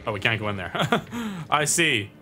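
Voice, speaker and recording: A man with a mid-range voice and big pitch swings gives unhurried let's-play commentary while playing a video game. Game sounds and music run in the background as he chats, thinks out loud, and occasionally swears.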